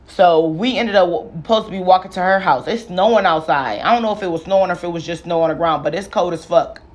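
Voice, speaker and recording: A woman's voice: on the low side, fast talker. A young adult woman vlogging a casual, profane storytime, chatty and full of slang. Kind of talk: casual storytime while doing hair.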